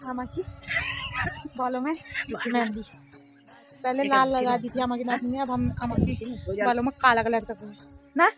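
Young woman, high voice, loud sing-song baby talk, casual family vlog, outdoor rooftop, phone mic, faint music. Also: fairly even intonation, moderate pace, long pauses. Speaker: vlogger and mother. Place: village rooftop outdoors in the sun.

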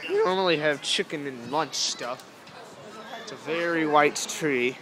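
A young male vlogger with a fairly high voice and measured pace rambles through casual walking commentary as he strolls a zoo light show at night, easily amused. It's recorded on a handheld camera, so the outdoor audio is noisy and crowded, full of crowd chatter and outdoor noise.

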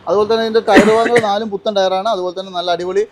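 A man's voice: high voice, fairly even intonation, very fast, a little hiss or hum. A man with a Kerala Malayalam accent hosts a casual car showroom vlog, mixing in English words and often repeating things or asking for agreement. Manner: repeats and seeks agreement with questions. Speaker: host of a used car showroom video. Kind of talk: casual vlog presenting cars.

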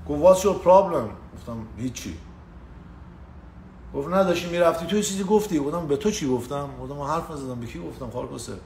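A man's voice: a little high, vocal fry, darkish tone. Slangy man telling a story. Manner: slangy, swearing, greets viewers by name. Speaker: live streamer. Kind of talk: casual storytelling on a live stream. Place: indoors in the US. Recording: echoey room with faint ambient noise.

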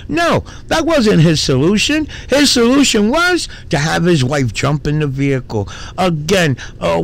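A man's voice: a little high, creaky. A man hosting a commentary video, talking casually and with exasperation, swearing and using fillers as he reacts to a clip. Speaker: commentary channel host.

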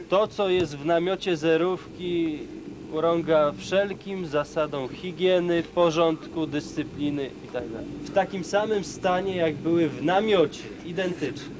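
A man speaking as a camp leader to a group, stern and scolding. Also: fairly high pitch. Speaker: scout camp leader inspecting tents. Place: outdoors in a forest camp. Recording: very noisy outdoor home camcorder.

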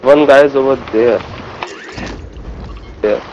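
A man's voice: mid-range voice, slow, lo-fi sound. A man with an Indian accent chatting casually with teammates in an online game, often repeating short phrases. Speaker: squad gamer. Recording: game voice chat, faint noise.

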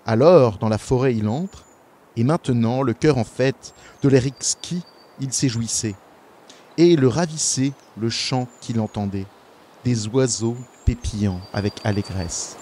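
A man reading medieval verse aloud with slow, careful recitation. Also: medium pitch, warm tone, a little hiss or hum. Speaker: podcast guest.

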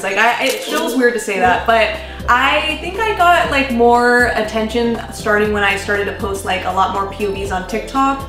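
A young woman in her twenties answering fan questions at home in a bubbly, giggly way, full of "like" and "um". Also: fairly high pitch. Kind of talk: casual Q&A vlog. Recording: roomy echo from away from the mic, faint music.

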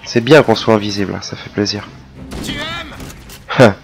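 A man giving casual, chatty commentary over his own gameplay, excitable and quick to mock himself. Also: on the low side, creaky. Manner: chatty, self-mocking, excitable. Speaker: let's play gamer.

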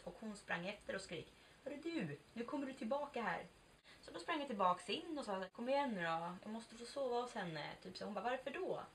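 Recorded on a far-off microphone with a little background noise, a woman vlogger in her 20s shares a personal story in casual, confessional fashion. She sounds chatty and frank, drops the odd swear word and acts out lines of dialogue, her mid-range voice a bit bright.

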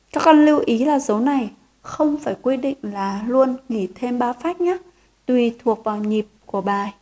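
A woman teaching a children's piano lesson, gentle and encouraging, counting beats and singing note names. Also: on the high side.

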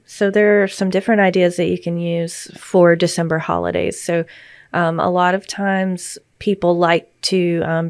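A woman speaking as a grief counselor and podcast co-host, giving gentle, reassuring explanations in conversation. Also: on the low side, clean tone, dry recording, clean studio sound.

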